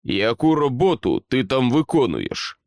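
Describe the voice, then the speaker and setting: A man reading aloud, playing a stern middle-aged general who talks in a clipped, commanding, measured way. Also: mid-range voice, wildly swooping pitch, darkish tone, dry recording, studio quality. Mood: menacing.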